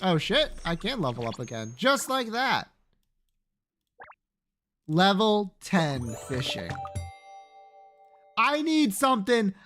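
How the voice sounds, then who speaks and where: A man streams a video game and talks casually with viewers, reacting bluntly in slangy, sweary, playfully opinionated language. He speaks slowly in a high, slightly bright voice with huge pitch swings and long pauses, while faint music plays behind.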